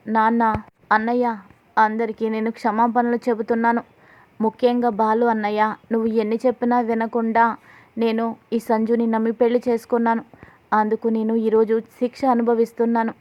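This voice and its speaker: A woman's voice: on the high side, completely flat delivery, brisk, close to an everyday voice. A woman voicing a despairing young wife who pleads and confesses in anguish, in slightly dull audio.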